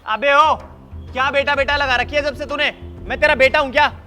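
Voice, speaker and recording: A man's voice: very high-pitched, steady tone, normal speed, pushed and bright, faint music behind, full character voice. A young man playing an arrogant diner who talks down to a waiter with contempt. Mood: scornful. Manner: scornful, bullying, contemptuous. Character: arrogant young man on a first date, rude to staff. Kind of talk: web short drama acting.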